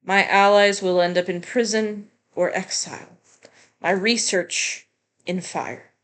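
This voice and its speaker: A proud male scientist, cornered and defiant, speaking his lines from a video game with grave, declamatory weight, as a woman reads him out in a voice close to her own. His pitch sits in a middle range. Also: fairly even intonation, slow, a bit bright. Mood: despairing. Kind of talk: reading game dialogue aloud.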